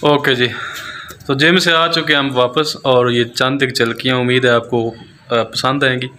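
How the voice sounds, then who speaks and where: A man in his thirties chatting casually to his phone held at arm's length, relaxed and hesitant, dropping in pious phrases. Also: medium pitch, normal speed. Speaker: vlogger. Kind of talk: casual vlog to camera. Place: outdoors at night by a house. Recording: phone recording with noisy street ambience.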